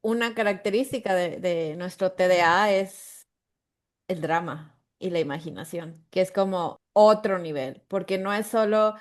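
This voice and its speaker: A woman's voice: fairly low pitch, a little slow. Mexican woman telling stories animatedly. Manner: animated storytelling, voices imagined dialogues with her brain. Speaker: podcast co-host. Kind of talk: casual chat.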